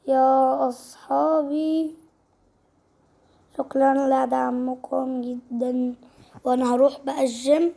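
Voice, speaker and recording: High, gravelly Egyptian woman voicing game scenes. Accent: Egyptian Arabic. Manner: lively, repeats phrases over and over. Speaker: channel host voicing game characters. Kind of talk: casual game-movie role-play narration.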